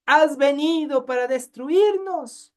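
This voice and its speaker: A man's voice: extremely high pitch, pitched above the performer's own voice. Man putting on a wailing unclean spirit. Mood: anguished. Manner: slow, drawn-out, strained cries. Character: tormented unclean spirit crying out.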